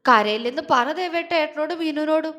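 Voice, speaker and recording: A woman's voice: high voice, brisk, a bit bright. A woman voicing an innocent, tender-hearted young woman who asks things in a timid, childlike way. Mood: anxious.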